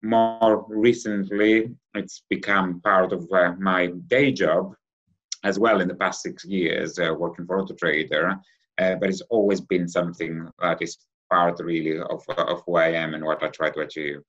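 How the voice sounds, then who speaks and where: A middle-aged man with a Greek accent speaks in a very deep voice, slowly gathering his thoughts with many fillers and restarts. His audio sounds dull and lo-fi, as if recorded remotely for a podcast interview. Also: steady tone, fairly bright tone. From Greece. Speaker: guest.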